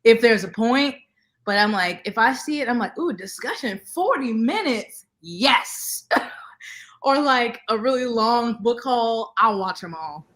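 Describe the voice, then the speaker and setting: A woman's voice: on the high side, unhurried, a bit bright. A woman booktuber chatting with enthusiasm on a live stream panel over a video call, laughing between thoughts. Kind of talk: casual chat on a live stream.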